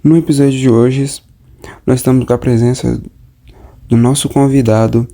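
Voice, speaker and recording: A man's voice: medium pitch, flat delivery, normal speed, dark tone. A young man hosting a school podcast, reading formal questions. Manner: read, formal. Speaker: interviewer.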